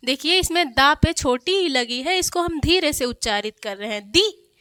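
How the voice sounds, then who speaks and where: A young woman with a Hindi accent, teaching children with slow, clearly enunciated speech and repeating each word for them to echo. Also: sits high, lively intonation, pushed and bright, studio quality. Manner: drawn-out spelled sounds, repeats words for children to echo.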